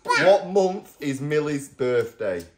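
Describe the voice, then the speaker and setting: A Mancunian man from Manchester, England hosts a family quiz at home, his voice on the high side, very animated, and slow. He's playful and laughing, slipping into doting baby talk with the dogs, in an echoey room with background noise.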